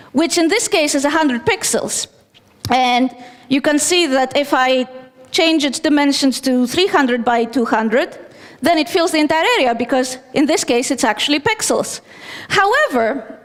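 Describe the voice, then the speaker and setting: Her voice is high-pitched and a bit bright. She is a Greek conference speaker in her thirties delivering a technical talk casually, full of fillers and self-deprecation, with the long reverb of a big hall around her stage mic.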